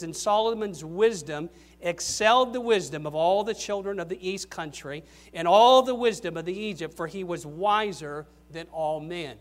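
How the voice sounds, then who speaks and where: An older man, a grandfather, preaching a sermon to young people, punching key questions and then dropping his voice low at the ends of points. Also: a bit bright.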